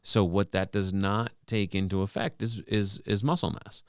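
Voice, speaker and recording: Podcast co-host, man in his forties, very deep voice, close dry mic, rambling explainer. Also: moderate pace, clean tone, no echo. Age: 40s. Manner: rambling, explains at length with many restarts. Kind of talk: casual chat.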